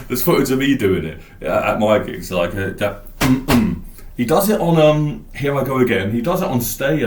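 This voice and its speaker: A man's voice: mid-range voice, a little mellow, roomy sound. A man hosting a podcast, rambling enthusiastically about an album and thinking aloud. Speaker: podcast host. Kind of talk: casual album talk.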